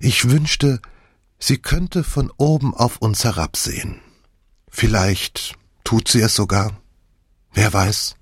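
A man's voice: mid-range voice, lively intonation, slow, slightly rough, dry recording, clean studio sound. A man voicing a chatty, sentimental older woman in an audiobook, talking in a gushing way. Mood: tearful. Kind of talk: audiobook character voice.

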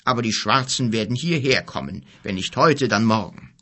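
A man voicing an old, bent and sorrowful king who speaks gravely and with bitterness in a storybook reading. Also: medium pitch, animated, pushed and bright. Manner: grave, bitter, measured speech.

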